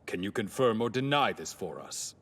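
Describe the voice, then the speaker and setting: A man's voice: fairly low pitch, lively intonation, moderate pace, a bit bright, breathy edge, full character voice. A man playing a probing TV reporter in an anime dub, asking formal, pressing questions. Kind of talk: anime English dub acting.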